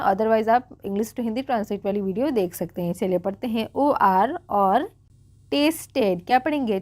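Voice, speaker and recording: A woman teaching English reading slowly, spelling out letters and repeating each word while asking her viewers how to say it. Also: a little high, a little mellow. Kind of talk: slow word-by-word reading lesson.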